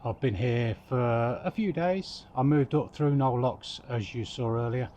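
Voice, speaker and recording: A man's voice: medium pitch, measured pace. A man talking to himself as he tightens bolts in a narrowboat engine bay, filming a casual vlog. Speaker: boating vlogger. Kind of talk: casual vlog narration while working. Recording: distant voice, loud clanking noise.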